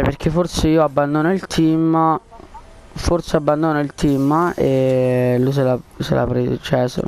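A man's voice: on the high side, darkish tone, clear, resonant tone. A man chatting casually over a game headset, rambling with lots of fillers and coaxing a friend during a prank. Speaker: gaming video creator. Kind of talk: casual gaming chat and prank.

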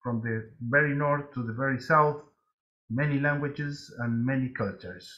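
A man with a Chilean Spanish accent speaks at a middle pitch, presenting to a conference audience in English. His delivery is halting, and he pauses often on filler sounds. The recording sounds somewhat muffled and lo-fi.

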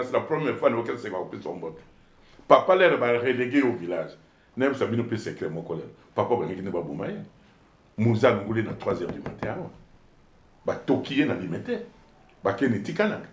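A Congolese man tells his story with energy, pushing hard on key words and switching languages from one phrase to the next. His voice sits in a middle register. The room around him is echoey. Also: mid-range voice. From Democratic Republic of the Congo. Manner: animated, emphatic, switches back and forth between two languages. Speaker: politician guest. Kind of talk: interview storytelling.

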